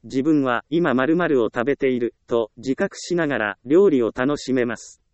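Guy narrating a self-help book, calm and steady, dry close mic. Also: mid-range voice, moderate pace, dry recording, muffled recording.

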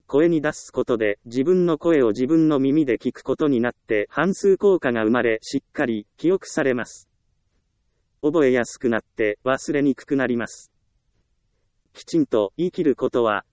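Guy narrating a self-help book, calm and steady, dry close mic. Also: medium pitch, no room sound.

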